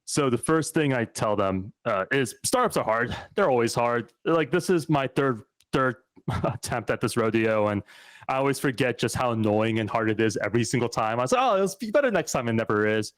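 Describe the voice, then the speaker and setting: A man's voice: mid-range voice, expressive, moderate pace, no room sound. A man from the United States, a guest on an interview podcast, talking candidly and thoughtfully with plenty of fillers and restarts. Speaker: podcast guest, startup founder. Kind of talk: casual conversational interview.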